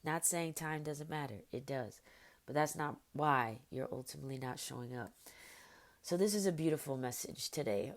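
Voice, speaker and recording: Hoarse raspy woman host, really deep voice, sick and losing it but still upbeat, lots of ums. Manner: upbeat and encouraging, with many fillers. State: hoarse, losing her voice from illness. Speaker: podcast host. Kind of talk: motivational podcast talk.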